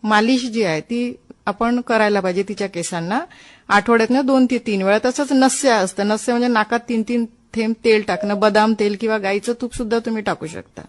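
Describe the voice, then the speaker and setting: A woman doctor with a slightly high voice explains and instructs on a phone-in show. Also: a little fast. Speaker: Ayurvedic doctor, studio guest. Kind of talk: spoken advice on a phone-in.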